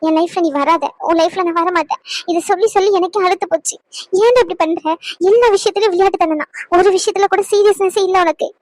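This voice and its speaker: A woman's voice: extremely high pitch, fast talker, darkish tone, dry recording. A woman voicing a young wife in a cartoon drama, pleading and bitterly reproachful toward her husband. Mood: angry. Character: young wife, hurt and fed up.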